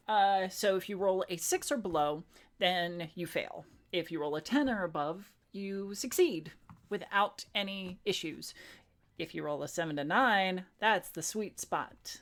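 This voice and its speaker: A woman game master narrating and explaining a tabletop game, halting with many pauses. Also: on the low side, a bit bright.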